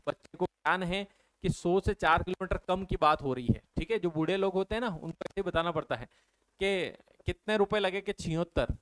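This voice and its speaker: A man's voice: high voice, animated, fairly quick, fairly bright tone, no echo. A man teaching an exam-prep maths lesson, explaining step by step and putting questions to his viewers. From India. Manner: explains step by step, keeps asking the viewers questions and answering them.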